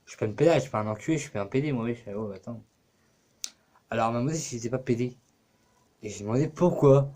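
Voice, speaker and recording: Man vlogging to camera, rambling, profane, lots of fillers, mid-pitched voice. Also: fast talker, long pauses, dark tone. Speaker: YouTuber. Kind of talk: casual talk to camera.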